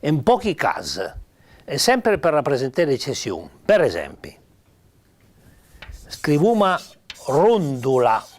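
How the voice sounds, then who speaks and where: A man with a Piedmontese accent giving an informal spoken lesson on spelling. He is patient, says sample words slowly and more than once, and uses frequent fillers. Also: mid-range voice, huge pitch swings. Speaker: writer explaining spelling.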